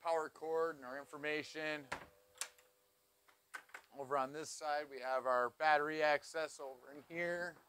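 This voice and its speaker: A man's voice: a little high, steady tone, unhurried, pauses often, fairly bright tone, a little hiss or hum. Upbeat man touring a camper trailer. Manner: enthusiastic, pointing things out as he walks. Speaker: trailer reviewer. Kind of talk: walkaround product tour. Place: inside and around a cargo trailer on an outdoor lot. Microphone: lapel mic.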